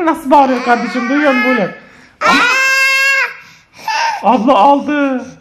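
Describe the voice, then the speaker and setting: A man's voice: extremely high pitch, unhurried, very noisy. A man talking to viewers in a casual family vlog, playful and often laughing. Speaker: family vlogger.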